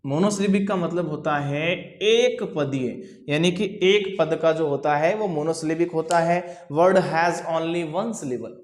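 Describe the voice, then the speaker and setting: A man gives a classroom lecture, repeating each definition slowly and putting questions to the class before answering them himself. He talks at an unhurried pace, and the room around him is roomy and echoey. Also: a little high. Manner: repeats key phrases slowly, asks and answers own questions. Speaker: coaching teacher. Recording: roomy echo.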